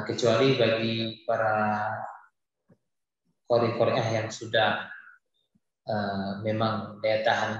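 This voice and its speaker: Indonesian Quran teacher in a very echoey room. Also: male voice, medium pitch, dull audio. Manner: hesitant, many filler pauses. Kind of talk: live-streamed Q&A lesson.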